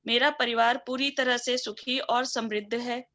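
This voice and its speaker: A woman's voice: on the high side, a little slow. Woman coming through a video call. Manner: hesitant, with many fillers before steady recitation. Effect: heard over an online video call line. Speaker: student in an online coaching session. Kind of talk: reading out her own affirmations.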